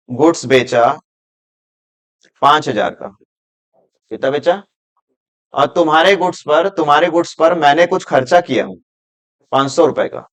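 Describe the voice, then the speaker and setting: A man's voice: fairly high pitch, fairly bright tone. A male commerce teacher giving a classroom lecture, explaining with everyday examples, asking his students questions and mixing Hindi with read-out English.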